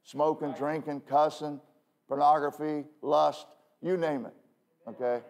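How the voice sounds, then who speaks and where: A man preaching from a church pulpit in a loose, talky style, with a voice pitched a little higher than most men's. He keeps checking in with his listeners and pokes fun at himself along the way. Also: fairly even intonation, a little slow, vocal fry, a little mellow. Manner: conversational, self-deprecating asides, frequent "okay?" checks. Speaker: pastor. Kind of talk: sermon.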